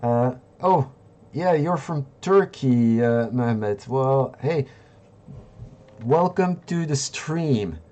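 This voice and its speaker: Man from Belgium, hosting a live market stream; slow, mellow delivery, halting and full of fillers. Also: medium pitch, animated. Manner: rambling, halting, many fillers and restarts. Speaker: livestream host. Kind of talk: live market analysis and chat.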